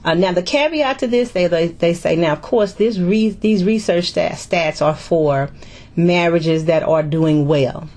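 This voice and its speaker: Middle-aged woman host, lowish voice, casual chatty delivery with restarts. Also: unhurried, darkish tone. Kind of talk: casual discussion.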